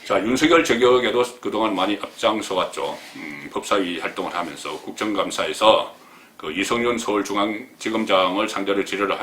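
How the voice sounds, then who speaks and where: A man delivers a solo political commentary with a fairly low voice. He talks emphatically and acts out other people's remarks in a louder, higher voice. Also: reverberant.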